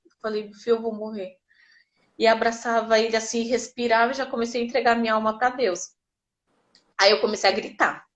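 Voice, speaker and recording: A woman's voice: a little high, steady tone, fairly quick, a bit bright. A Brazilian woman telling her birth story casually and vividly, acting out the people she quotes. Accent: Brazilian Portuguese.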